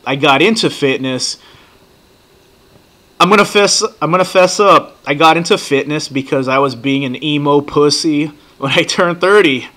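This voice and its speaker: A man in his thirties talking casually and profanely in a rambling, excitable way while reacting to a TV show at his computer. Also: a little high, normal speed. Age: 30s. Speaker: vlogger reacting to a TV series.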